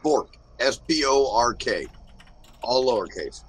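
A man casually helping a friend through an old computer game, relaxed and dry-humored. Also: medium pitch, unhurried, breathy edge. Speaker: co-host giving tips. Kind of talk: casual let's-play banter.

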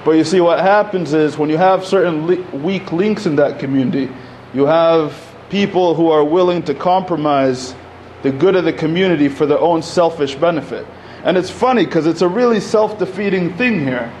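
With hardly any pauses, an Egyptian man in his thirties talks at normal speed in a slightly high, darkish voice over a rough recording with slight background noise. He is a panel speaker at a community center podium mic, chatting conversationally through a public talk, gesturing and relying on "you know" and "like."

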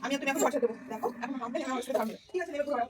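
A woman's bright, high voice coaxes and teases a little child in playful baby talk. She sounds a little away from the mic, recorded indoors at home with faint background noise. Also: racing, far from the mic. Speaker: vlogger. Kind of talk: talking to a toddler.

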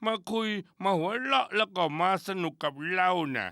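Jokey old father-in-law, bright voice, bounces around a lot. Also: high-pitched, very animated, normal speed, no echo, clean studio sound, heavily acted. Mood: teasing. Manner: chuckling, teasing. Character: jovial older father-in-law, teasing. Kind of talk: Thai dub of Indian comedy series.

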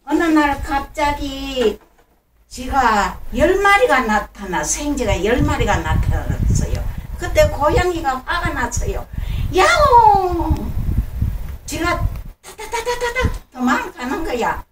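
Elderly woman, grandma storyteller for children's tales. Unhurried delivery, recorded at a distance with faint background noise. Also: high-pitched, lively intonation, roomy sound. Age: 80s. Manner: acts out animal dialogue and sound words. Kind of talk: oral fairy-tale storytelling for children.

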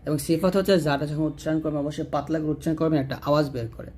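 A man teaching Quran recitation rules, alternating slow, drawn-out chanted verses with brisk explanations. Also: a little high, steady tone, darkish tone. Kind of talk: tajweed lesson.

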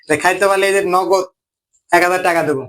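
A man's voice: high voice, fairly even intonation, fast talker, a bit bright. A man casually hosting a challenge vlog, talking to a friend and to viewers. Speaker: host of a food challenge video.

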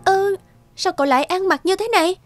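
Speaking very high and brisk, a woman voices a blunt young cartoon friend who scolds and pushes with insistent questions. Background music plays under her voice.

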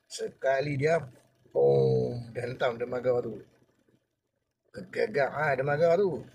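An older former deckhand with a Malaysian Malay accent tells a story in a relaxed, chatty way, addressing the listener like someone younger and acting out what others said. His mid-range voice is a little mellow and measured in pace, with a faint hiss or hum behind it.

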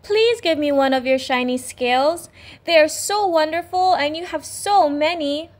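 A woman voicing a small, eager young male fish who pleads and gets excited easily in a storybook reading. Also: sits high, moderate pace, voice pushed up, natural voice. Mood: pleading.

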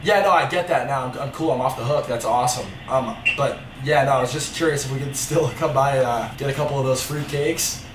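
A man's voice: mid-range voice, fairly quick, few pauses, far from the mic. A man in his twenties making a casual prank phone call, slangy and rambling. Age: 20s. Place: living room, seated on a couch. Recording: roomy, noisy, off-mic room recording.

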